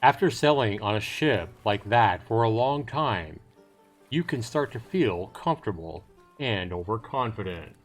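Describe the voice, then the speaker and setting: A man with a lowish voice speaks at a measured pace, animated as he voices a smooth-talking sea merchant. With music behind him, the character cajoles and dramatizes his tales of the sea, which sound both boastful and full of suspense.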